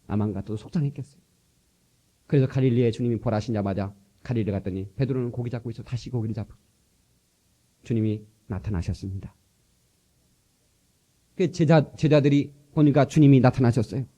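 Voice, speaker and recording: A middle-aged man preaching to his congregation, his voice deeply dark and mellow at an ordinary middle pitch. He tells stories with energy, slipping into the voices of the people he quotes and filling pauses with short affirmations. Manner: lively storytelling preaching, acting out quoted voices, frequent "예" and "어". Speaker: pastor. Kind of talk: sermon.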